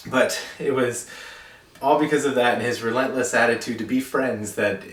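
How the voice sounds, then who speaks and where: A young man giving a wedding toast as best man, speaking informally and haltingly with self-deprecating asides. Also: medium pitch, fairly even intonation, fairly bright tone. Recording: roomy echo, distant microphone.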